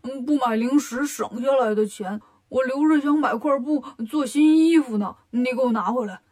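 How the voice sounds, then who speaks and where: A woman's voice: high-pitched, normal speed, darkish tone. A woman voicing a greedy, clumsy pig-man monk who whines and scares easily, in a children's storybook reading. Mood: indignant. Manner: whiny, bold, easily scared.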